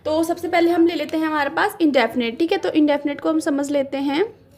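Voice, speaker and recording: High-voiced woman teaching a grammar lesson. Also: a little mellow. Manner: patient, repeats words slowly while writing. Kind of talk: classroom lesson explaining grammar.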